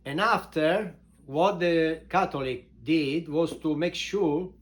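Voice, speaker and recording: A man from Italy with an Italian accent, informally introducing his book in halting non-native English, repeating words for emphasis. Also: fairly high pitch. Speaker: author and show host introducing his book.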